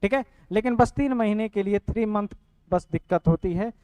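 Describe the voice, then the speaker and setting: High-voiced man teaching. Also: moderate pace, a little mellow, clear, resonant tone, dry recording, rough recording. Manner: repeats "ठीक है" and addresses students directly. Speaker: online coaching teacher. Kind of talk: casual explanatory lesson.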